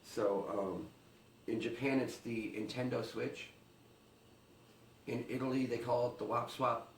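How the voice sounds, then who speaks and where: Deadpan swearing man in a roomy space. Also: medium pitch, measured pace, gravelly, distant mic, slight background noise. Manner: crude, swearing, dry deadpan delivery. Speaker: comedy news co-host. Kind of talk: deadpan comedic news segment.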